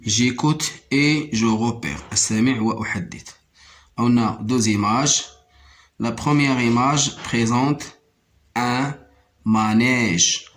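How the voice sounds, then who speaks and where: Slow, repetitive male teacher. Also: mid-range voice, fairly bright tone. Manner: slow, syllable-by-syllable dictation, repeating each word. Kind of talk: primary school French lesson.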